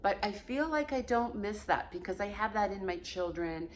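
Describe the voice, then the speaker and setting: A woman's voice: mid-range voice, animated, normal speed, slight background noise. A Portuguese-born woman in her fifties speaking frankly and emphatically in a candid personal monologue from her own home. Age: 50s. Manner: frank and emphatic, swears casually. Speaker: vlogger.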